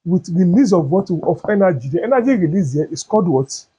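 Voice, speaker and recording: A male teacher giving a chemistry lesson, asking questions and answering them himself, repeating terms slowly. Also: sits high, expressive, warm tone, husky. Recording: dull lo-fi sound.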